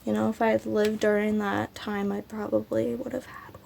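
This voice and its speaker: Her voice raspy from illness, a poetry channel host slowly works through her own poems, frequently pausing on "um." She speaks at a medium pitch in a level, somewhat dark tone, with a little hiss or hum in the recording.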